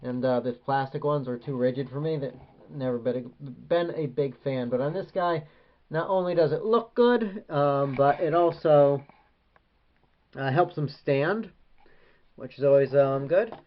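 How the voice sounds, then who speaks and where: A man's voice: mid-range voice, unhurried, muffled recording. A man reviewing an action figure in a casual, rambling way with many hesitations. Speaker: toy collector reviewer.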